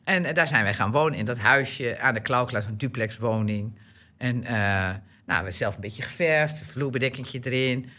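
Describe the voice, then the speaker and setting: A woman's voice: very deep voice, normal speed. A woman in her sixties from Groningen with a Groningen accent, chatting as an interview guest and telling stories with fillers and laughter. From Groningen, Netherlands. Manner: chatty, animated, laughs often, many fillers and restarts. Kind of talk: relaxed personal storytelling.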